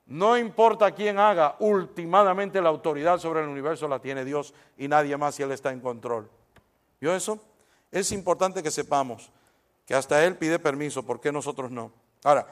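A man with a high voice delivers a sermon as pastor. He preaches emphatically, reads scripture aloud and presses the congregation with rhetorical questions.

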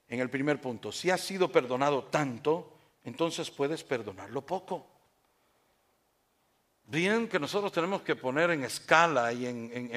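A pastor, preaching a sermon with rhetorical questions and acted-out stories. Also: male voice, mid-range voice, fairly bright tone.

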